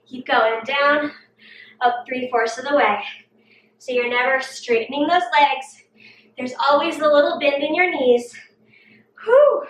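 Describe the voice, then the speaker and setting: A woman's voice: high voice, fairly even intonation, unhurried, a bit bright, slight background noise. Breathless woman coaching a workout. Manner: coaching, encouraging, breathy exclamations between cues. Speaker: fitness instructor. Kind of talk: workout video instruction. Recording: roomy echo, distant mic.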